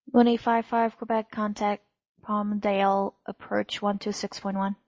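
A woman giving clearances as an air traffic controller in clipped aviation phraseology. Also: mid-range voice, little pitch movement, unhurried, darkish tone, dry recording, dull audio.

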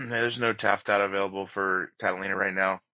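A man's voice: deep voice, steady tone, brisk, bright, forceful tone, no echo. A man giving clipped, procedural air traffic control instructions over radio in a flight simulation. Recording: dry, dull band-limited radio audio.

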